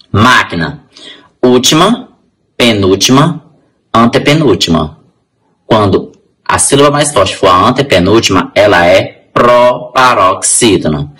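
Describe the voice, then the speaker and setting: A male teacher, explaining syllables to his class and spelling out example words slowly. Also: fairly low pitch, animated, fairly bright tone, poor audio. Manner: addresses class directly. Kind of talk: grammar lesson.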